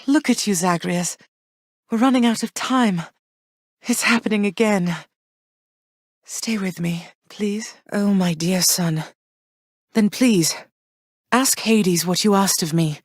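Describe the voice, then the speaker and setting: A woman's voice: fairly low pitch, a little mellow, no echo, studio quality. An actress voicing Persephone, a tender, proud goddess mother who speaks in formal, old-fashioned phrases. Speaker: game character voice. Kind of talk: game voice lines.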